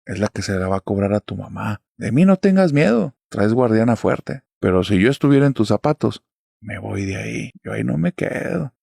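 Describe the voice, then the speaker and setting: Blunt young Mexican gangster, low warning tone, deep voice, dry sound, as a storyteller puts him on. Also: male voice, expressive, moderate pace, vocal fry, a little mellow, slightly rough, dry recording, exaggerated voice. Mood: ominous. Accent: Mexican Spanish. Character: menacing young male gang member, blunt.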